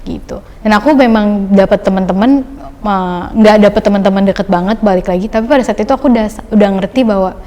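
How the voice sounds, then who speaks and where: A young woman recalls her own life story for a podcast in a relaxed, chatty flow. Her phrases run on loosely with plenty of fillers. Her voice sits in a middle pitch, and a long reverb trails behind each word. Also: quick pace. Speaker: podcast guest. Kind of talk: casual personal testimony.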